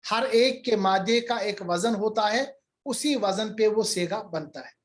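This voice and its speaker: A man's voice: sits high, slow. A male teacher giving an online grammar lecture, patiently repeating examples and answering student questions.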